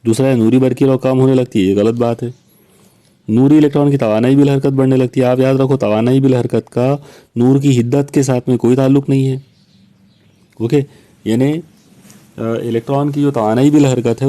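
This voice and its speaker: A man from India lectures on physics in a patient, explanatory way, pausing to check in with his students. His voice is very dark and mellow, sitting at an ordinary pitch for a man. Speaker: physics teacher. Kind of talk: recorded lecture solving exam questions.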